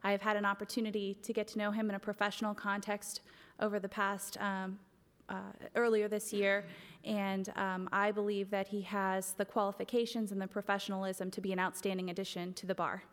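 A woman's voice: medium pitch, little pitch movement, a little fast. A woman attorney making a formal presentation to a court. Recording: echoey hall.

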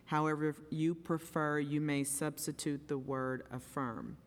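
A woman's voice: deep voice, fairly even intonation, unhurried. Woman reading an oath in an echoey hall. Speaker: justice administering an oath. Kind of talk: formal oath read phrase by phrase. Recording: echoey hall, faint crowd.

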